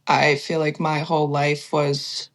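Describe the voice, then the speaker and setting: A woman's voice: sits low, little pitch movement, measured pace, poor audio. A woman singer-songwriter talking candidly in a casual podcast conversation, full of "like" fillers. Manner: chatty, lots of "like" fillers, candid.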